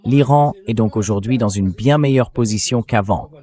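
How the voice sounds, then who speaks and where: Voicing the translation of an interview guest's political and military commentary, a man speaks at normal speed in a warm, lowish voice. His delivery is blunt, conversational and scornful.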